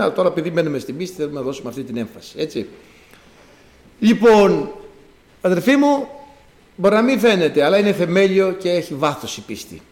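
A man with a slightly high voice preaches to his congregation, sharing a personal testimony in an echoey hall. His delivery is animated, swinging between loud exclamations and quiet asides, and he acts out sounds as he goes.

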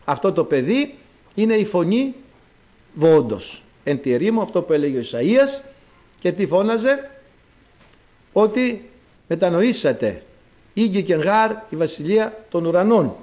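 A man preaching a sermon, dramatic, swinging between loud exclamations and low asides. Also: sing-song, pauses often.

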